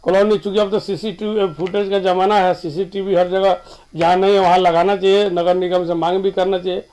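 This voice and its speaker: Brief: high-pitched male panelist, measured and explanatory. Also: level tone, darkish tone. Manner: measured, explanatory, defends the administration. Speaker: ruling-side panelist. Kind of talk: TV debate discussion.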